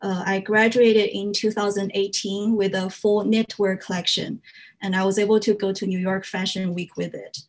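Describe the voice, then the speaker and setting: A woman's voice: mid-range voice, flat delivery, normal speed. A young woman from China, speaking English as a second language, gives an earnest slide talk about her work as a fiber artist, with frequent "uh" fillers. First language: Chinese. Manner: earnest, frequent "uh" fillers, slightly non-native grammar.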